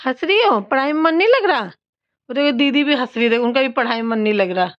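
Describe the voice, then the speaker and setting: A mother sits with her daughter and quizzes her on the alphabet, teasing and scolding by turns. Her voice is raised and high. The phone recording sounds slightly dull. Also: lively intonation, fairly quick, no echo. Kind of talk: scolding and coaching a child at homework.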